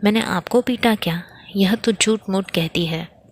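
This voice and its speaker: Female teacher reading a cheeky innocent boy, slow and simple. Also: mid-range voice, lightly acted.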